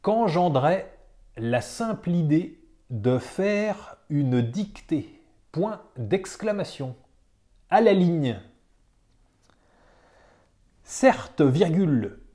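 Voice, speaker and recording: A teacher reading a dictation aloud, saying each phrase several times with careful, deliberate phrasing and calling out the punctuation. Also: mid-range voice, mellow.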